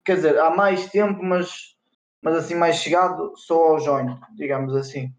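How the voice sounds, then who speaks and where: A young rapper from northern Portugal, with a European Portuguese accent, chats casually as an interview guest, mixing slang with some English words. His fairly high voice stays fairly even at a normal speed. The lo-fi recording sounds roomy and slightly dull.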